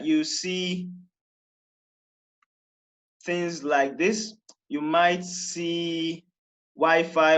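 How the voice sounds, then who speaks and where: Young man, tutorial host, chatty, repeats himself, slightly high voice. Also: fairly bright tone, muffled recording. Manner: chatty, repeats phrases, frequent "all right". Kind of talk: casual how-to explanation.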